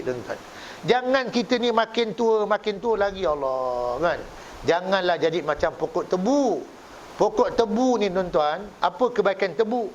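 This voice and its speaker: A male preacher with a Malaysian Malay accent giving a joking mosque sermon, acting out both sides of a story. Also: high voice. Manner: jokey storytelling, acts out both sides of a dialogue. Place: mosque hall. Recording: dull lo-fi recording with faint hiss.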